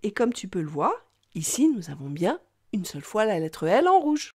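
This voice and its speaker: A woman teaching young children to read, talking slowly in an exaggerated, sing-song way. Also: medium pitch, very animated, a little mellow, husky, no room sound, studio quality. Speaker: reading teacher. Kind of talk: children's reading lesson.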